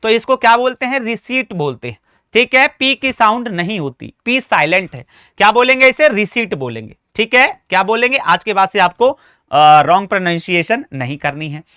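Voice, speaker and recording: A man teaching a spoken class, quizzing the class, answering his own questions and spelling words out slowly letter by letter. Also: sits high, very animated, sharp tone, smooth, no room sound, studio quality. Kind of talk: classroom lesson.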